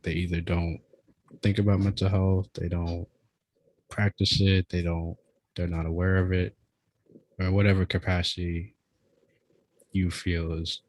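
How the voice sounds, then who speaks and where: A man's voice: sits low, low-quality recording. A man co-hosting a podcast, presenting a segment in a loose, casual way with many fillers. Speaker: podcast co-host.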